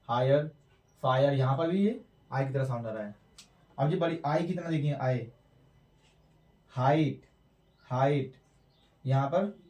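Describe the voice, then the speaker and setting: A man teaching English letter sounds, slowly repeating words as drills. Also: medium pitch, dark tone, far from the mic. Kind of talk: classroom lesson explaining at a board. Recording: roomy echo, mic away from speaker.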